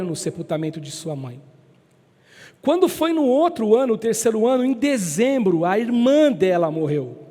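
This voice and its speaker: A man preaching a sermon, with a fairly high voice. He tells stories slowly and drives points home by repeating words. The sound rings with the long reverb of a church hall. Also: dark tone. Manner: storytelling preacher, slow emphatic repetitions. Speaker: pastor.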